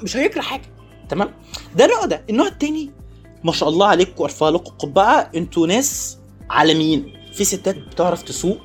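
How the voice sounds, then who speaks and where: A man with an Egyptian Arabic accent hosting a vlog in a joking, animated casual monologue, repeating phrases for emphasis. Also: high-pitched, breathy edge. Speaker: vlog host.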